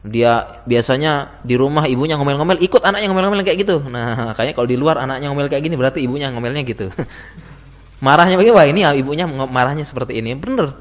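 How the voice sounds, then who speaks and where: Male lecturer, chatty and playful the audience, mid-pitched, long hall echo. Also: lively intonation, quick pace. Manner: chatty, asks the audience questions, laughs often. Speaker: teacher giving a talk to Islamic school teachers. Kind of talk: casual lecture.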